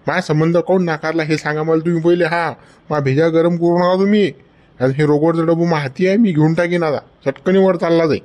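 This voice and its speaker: A man's voice: a little high, steady tone, close to an everyday voice. A man playing a hot-headed young village farmer. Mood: angry. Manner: loud, rapid, quarrelsome, keeps demanding "huh?". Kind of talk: village comedy skit.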